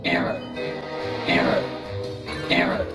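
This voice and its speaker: An actor voicing a malfunctioning robot agent in a video game, with a glitching robotic sound and flat, clipped status reports. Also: slow. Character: malfunctioning robot agent stuck in an error loop. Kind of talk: video game character dialogue. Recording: echoey game audio with music behind.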